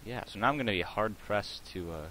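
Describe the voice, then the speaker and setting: A man with a fairly low voice talks through his gameplay in a casual, rambling way. He stops and restarts often and fills gaps with ums and uhs. His talk jumps into eager bursts, over a faint hiss. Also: a little fast, low-quality recording. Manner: chatty, rambling, full of fillers and restarts; bursts of excitement. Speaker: let's play host.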